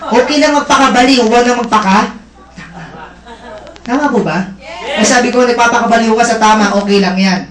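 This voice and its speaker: A man's voice: extremely high pitch, brisk, long pauses, reverberant, poor audio. A man giving a motivational seminar talk, teasing the audience and checking in with them often. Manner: lively, teasing crowd work with frequent check-ins. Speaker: seminar presenter. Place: indoor seminar room.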